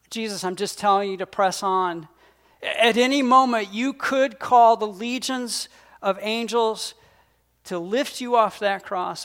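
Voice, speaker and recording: A man's voice: high voice, fairly bright tone, full character voice. A man voicing God the Father, speaking to his son in an earnest, intense way in a sermon. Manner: earnest, intense, pleading to press on. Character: God the Father, solemn, fatherly, commanding male deity.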